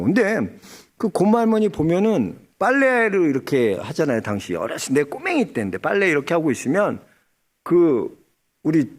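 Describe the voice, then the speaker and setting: A male pastor preaching a Sunday sermon, telling stories and acting out dialogue as he speaks straight to the congregation. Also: fairly high pitch. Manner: animated storytelling, acts out dialogue, addresses congregation directly.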